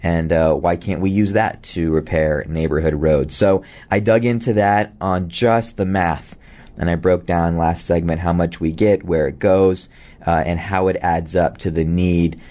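A man hosting a local radio talk show, chatting casually with a gravelly voice and plenty of fillers. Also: low voice, a little slow. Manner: relaxed, many fillers, reads out numbers.

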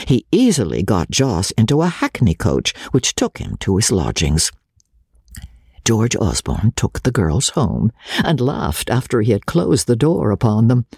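A man's voice: medium pitch, creaky, a little mellow, husky, no echo, studio quality. A man narrating a classic novel aloud with a dramatic, swooping delivery. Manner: dramatic, swooping delivery with many character voices. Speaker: audiobook narrator. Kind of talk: expressive literary narration.

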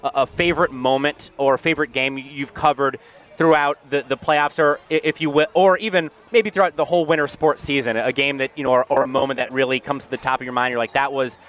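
A man hosting a live high school sports broadcast from a school field, chatting energetically with many fillers. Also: fast talker. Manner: energetic, filler-heavy play-by-play chat. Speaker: radio sports host.

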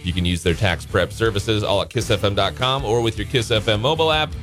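A man's voice: fairly low pitch, fast, a bit bright, faint music behind. American man doing a radio contest promo. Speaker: radio morning show host. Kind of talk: casual co-host banter.

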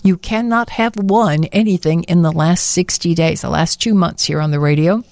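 A woman's voice: fairly low pitch, moderate pace, a little mellow, no room sound. Female radio co-host, breezy and chatty, dry close studio mic. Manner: breezy, reads promos. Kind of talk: late-night radio banter. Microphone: studio microphone.

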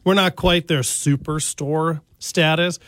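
A man's voice: on the high side, fairly even intonation, slow pace, fairly bright tone, dry recording. A man, a retail store guest on a local radio show, talking casually and laughing easily at himself. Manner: chatty, laughs easily, self-deprecating. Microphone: studio mic.

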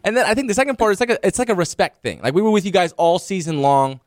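A man's voice: high-pitched, animated, fast, no echo. A man co-hosting a sports talk radio show, chatty and conversational in a radio studio.

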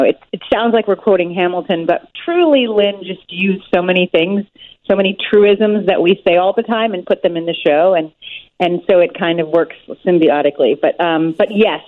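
A woman's voice: lowish voice, moderate pace. A woman guest performer chatting in an interview over the phone, enthusiastic and friendly, laughing easily. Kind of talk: casual interview chat. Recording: tinny phone line.

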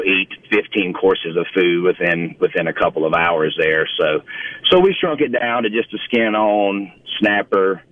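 A man with a Mississippi accent talking casually as a chef being interviewed, in a folksy, rambling, conversational way. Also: sits low. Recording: thin phone-like line, distant from mic.

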